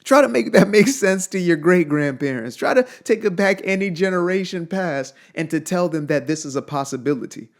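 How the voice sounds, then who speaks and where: A man's voice: high-pitched, animated, a little fast, hardly any pauses. A young man from Zimbabwe giving an emphatic, blunt motivational monologue, repeating phrases for weight. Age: young adult. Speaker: motivational speaker.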